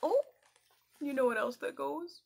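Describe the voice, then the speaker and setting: In a small room at home, a woman in her thirties hosts a children's story time, speaking directly to young viewers with exaggerated, encouraging questions. Her voice is high, gravelly and a little mellow, with a measured pace.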